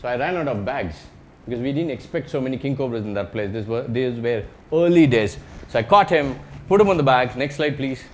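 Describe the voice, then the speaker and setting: A man's voice: mid-range voice, expressive, a little fast, a little mellow. A man with an Indian accent tells anecdotes in a conversational, joking way as a researcher giving a public slide talk, in short phrases with tag questions. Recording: live talk with background noise.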